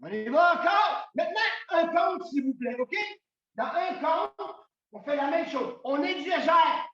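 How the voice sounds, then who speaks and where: A man's voice: very high voice, lively intonation, a little slow. A man with a Québécois French accent teaching a karate class, calling counts in Japanese and explaining between drills. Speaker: karate instructor. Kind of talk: shouted martial arts class instruction. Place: large dojo hall. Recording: echoey hall, from far off, dull.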